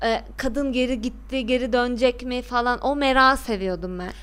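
Brief: young woman with a fairly high, smooth voice, emphatic and blunt in casual chat. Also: normal speed, a bit bright. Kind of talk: casual chat about a TV series.

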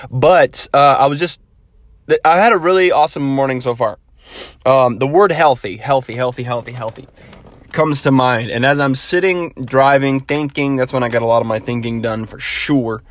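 A man thinking aloud in a rambling, self-correcting way on a quick solo podcast. His voice sits in a middle register and sounds a little stuffy. It is recorded close and dry inside a car. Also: mid-range voice, no room sound. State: slightly stuffy after illness. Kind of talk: casual solo monologue. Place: car, while driving.

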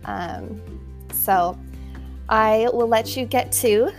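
A woman's voice: fairly high pitch, extremely slow, faint music behind. Enthusiastic woman hosting a podcast. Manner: enthusiastic, warm praise with fillers. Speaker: podcast host. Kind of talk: casual podcast intro and interview.

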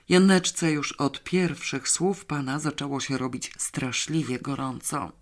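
An audiobook narrator telling a children's adventure with lively, dramatic storytelling. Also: mid-range voice.

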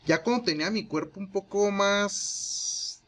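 A young man with a Mexican accent, chatting casually and making relaxed jokes. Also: sits high, a little slow. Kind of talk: casual chat.

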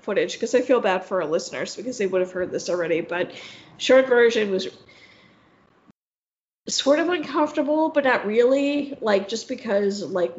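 A woman co-hosting a podcast, telling a rambling, profane story full of fillers. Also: mid-range voice. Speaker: podcast co-host. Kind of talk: casual chat. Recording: echoey room, dull lo-fi sound.

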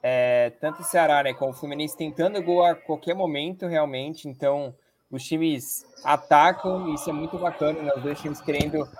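Male Brazilian co-commentator, casual match analysis, slightly high pitch, chatty and agreeing, light noise behind. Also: fairly even intonation, moderate pace. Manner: chatty, agreeing, repeats tag questions. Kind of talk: casual live football analysis. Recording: faint background noise.

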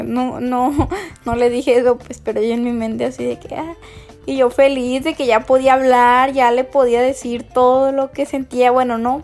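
A woman's voice: high-pitched, a little mellow. A young woman, telling a story to her listeners in a gushing, bubbly way full of fillers and restarts. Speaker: podcast host.

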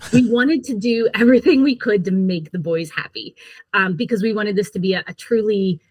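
A woman's voice: mid-range voice, a little fast, no room sound. A woman in her forties, a podcast guest, telling a candid and self-deprecating story about her family.

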